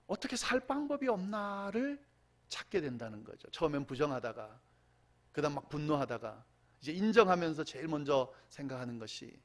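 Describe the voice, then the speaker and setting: A male pastor preaching a sermon, acting out quoted cries with a voice that climbs and then drops low at the end of each thought. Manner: animated preaching, voice rising on quoted cries and dropping at line ends.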